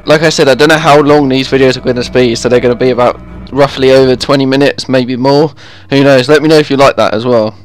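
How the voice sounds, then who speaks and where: A man's voice: mid-range voice, steady tone, fast talker, few pauses, faint music behind. A young man casually commenting while playing a video game, chatting to his viewers. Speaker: gaming YouTuber. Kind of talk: casual let's-play commentary.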